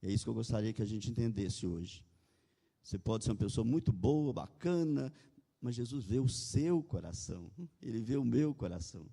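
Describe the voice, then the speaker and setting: A man's voice: mid-range voice, expressive, moderate pace, gravelly, dark tone, husky. A man preaching a sermon, reading scripture aloud and then retelling it, calling for amens as he goes. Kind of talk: sermon with guided imagining. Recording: long hall reverb.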